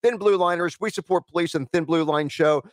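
A man's voice: on the high side, brisk, no room sound. A man hosting a live talk radio show, reading news items aloud and rambling with lots of fillers. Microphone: studio microphone.

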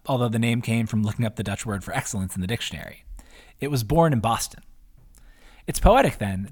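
A man's voice: mid-range voice, a little mellow. Man reading his essay aloud. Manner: upbeat, conversational reading with asides. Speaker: newsletter writer reading his post. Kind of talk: read-aloud essay narration.

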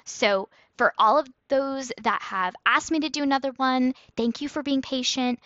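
A woman's voice: fairly high pitch, fairly bright tone, dry recording, lo-fi sound. A woman hosting her own podcast, talking casually in a rambling, chatty way and laughing often. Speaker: podcast host. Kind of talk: casual solo podcast monologue.

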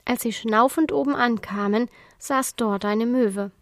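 Woman reading a kids story, kinda high voice, dry close mic. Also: measured pace, no room sound. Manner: calm, storytelling. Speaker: narrator.

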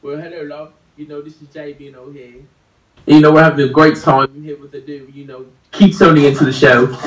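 A man's voice: fairly high pitch, flat delivery, fairly quick, pitched above the performer's own voice, natural voice. A man putting on a put-on British accent as a friendly show host, talking breezily. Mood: breezy. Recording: roomy, distant mic.

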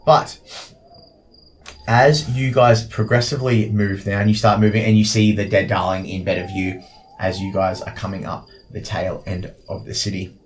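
A man's voice: lowish voice, little pitch movement, normal speed, slight background noise, rough recording. A man narrating as game master of a tabletop game, loose and full of "like"s. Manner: loose, filler-heavy narration with many "like"s.

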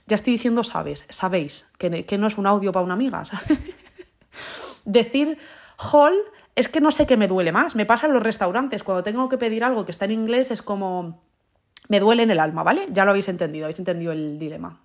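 A young woman with a Spain Spanish accent hosting a podcast in a chatty, rambling way full of asides. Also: on the low side. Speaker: podcast host. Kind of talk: casual podcast chat.

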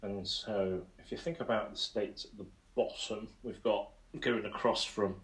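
A man playing a quiz, slowly talking through his answer. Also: on the low side, fairly even intonation, roomy sound, poor audio. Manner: slow, thinking aloud. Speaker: quiz contestant. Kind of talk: casual quiz chat.

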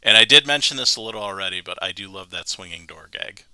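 Bright-voiced man recapping in casual chat. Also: lowish voice, animated, fast talker, clean tone, no room sound. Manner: summarizes plot at length, laughs often. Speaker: podcast host.

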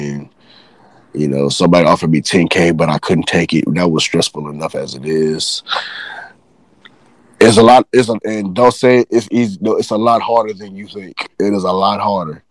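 A man from Texas, telling a work story in loose, profane, animated casual chat. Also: deep voice, normal speed, no room sound.

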